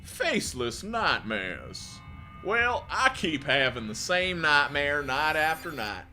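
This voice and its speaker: A man's voice: fairly high pitch, big pitch swings, slow, bright, forceful tone, a little hiss or hum, heavily acted. A man doing a drawling southern cowboy storyteller. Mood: brooding. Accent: put-on Southern US.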